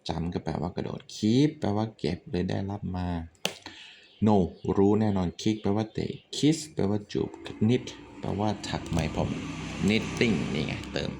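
Low gravelly Thai-accented man teaching. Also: unhurried, background noise. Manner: relaxed, thinks aloud, swears casually. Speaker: English vocabulary teacher. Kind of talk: casual spoken vocabulary lesson.

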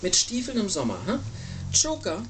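A woman reading a picture book aloud to a small child at home, lively and child-directed. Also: deep voice, a little fast, noisy background.

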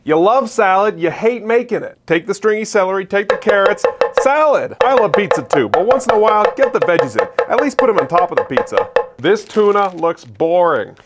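A man doing a parody infomercial pitch, with loud, fast-talking salesman patter. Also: expressive, very noisy.

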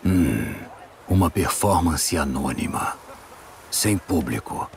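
A gruff monster hunter for hire in a video game. His voice is low and his delivery terse and deadpan, with faint ambient noise behind. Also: slow, heavily acted. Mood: dry, calm. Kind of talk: dubbed video game acting.

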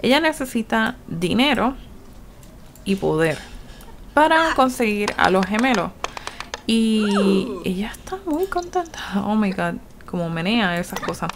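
A woman's voice: medium pitch, expressive, measured pace, background noise. A woman with a Puerto Rican Spanish accent giving casual, chatty gameplay commentary, laughing often and voicing her game characters. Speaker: gaming YouTuber.

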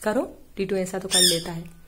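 A woman's voice: fairly low pitch, fairly even intonation, moderate pace, background noise. A woman talking casual baby talk to her pet parrot, coaxing and sing-song, laughing often, filmed on a phone at home. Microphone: phone camera.

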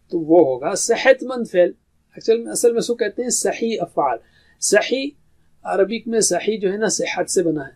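A man's voice: sits high, darkish tone. A man giving a grammar lesson as a teacher, explaining patiently and asking his own questions before answering them. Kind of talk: classroom lecture.

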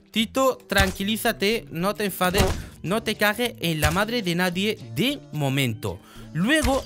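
Young-sounding gaming YouTuber, hot-tempered, swears a lot, very animated delivery, music loud in the mix. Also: male voice, high-pitched. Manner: excitable, talks to himself, swears, quick flips between loud outbursts and mutters. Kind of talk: live gameplay commentary. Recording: game music playing loud behind the voice.

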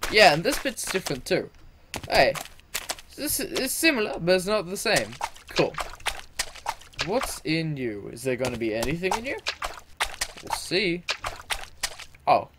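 Excitable man narrating his own gameplay. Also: high-pitched, noisy background. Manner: excitable, talks to himself and the game, self-mocking. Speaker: gaming video host. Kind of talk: let's play commentary.

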